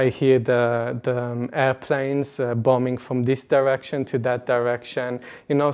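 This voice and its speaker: A man gives an earnest, animated personal talk to a retreat audience, speaking into a lapel mic in an indoor meeting room. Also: medium pitch. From Israel. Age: late 20s. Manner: earnest, animated, gestures broadly, laughs between points.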